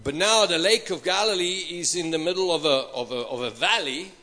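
A man preaching a sermon in short phrases for an interpreter, telling stories lively to the crowd. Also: sits high. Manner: lively storyteller, pauses for translation. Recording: long hall reverb.

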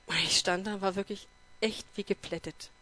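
A woman telling her personal faith testimony in a lively way, acting out dialogue and turning earnest and emotional when she reflects. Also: mid-range voice, fairly quick. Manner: lively storytelling that acts out dialogue.

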